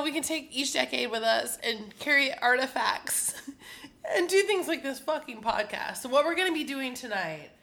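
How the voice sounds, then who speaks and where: Bright, excitable woman podcast host. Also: on the high side. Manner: excitable, playful, swears freely. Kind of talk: casual podcast chat.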